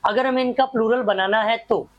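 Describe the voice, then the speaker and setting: A woman's voice: a little high, fairly quick, muffled recording. A woman teaching a grammar class, drilling examples one by one and asking rhetorical questions that she answers herself.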